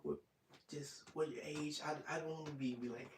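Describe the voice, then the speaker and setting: A man of twenty-five hosting an ASMR live stream, chatting casually and rambling, sometimes dropping into soft whispers. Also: fairly high pitch, a little fast, far from the mic. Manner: rambling and relaxed, drops into soft whispers at times. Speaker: ASMR channel host. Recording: roomy, off-mic sound with faint noise.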